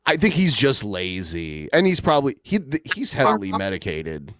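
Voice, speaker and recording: A man's voice: on the low side, huge pitch swings, normal speed, a bit bright. A man giving casual reaction commentary with blunt, crude jokes.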